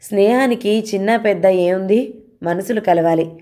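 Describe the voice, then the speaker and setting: A woman's voice: medium pitch, normal speed, dark tone, close to an everyday voice. A woman voicing a flirtatious, self-pitying middle-aged married man who sighs about his life.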